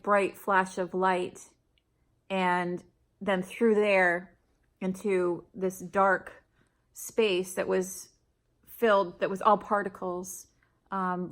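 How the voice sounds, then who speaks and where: Woman sharing a personal story, slow and reflective, lots of ums, voice not high or low. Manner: reflective, hesitant, with frequent fillers. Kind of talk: personal testimony.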